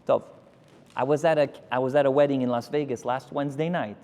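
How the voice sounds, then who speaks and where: A man, a rabbi, giving a Torah lecture to his congregation and telling stories with animated energy. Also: mid-range voice, fairly quick, big-room sound. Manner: animated storytelling, addressing the crowd directly.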